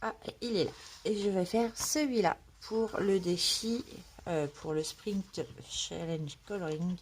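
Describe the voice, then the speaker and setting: A woman chats slowly and hesitantly in a casual home vlog, filling her sentences with little pauses and fillers. She has only just woken up, and her voice keeps an even pitch. A cat meows faintly in the background. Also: a little hiss or hum. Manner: hesitant, many fillers, chatty. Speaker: coloring vlogger. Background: cat meowing.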